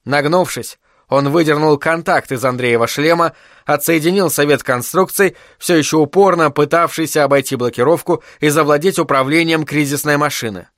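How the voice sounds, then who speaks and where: A man reading an audiobook in a steady, even narration. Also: on the high side, normal speed, dry recording, clean studio sound. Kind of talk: scripted narration.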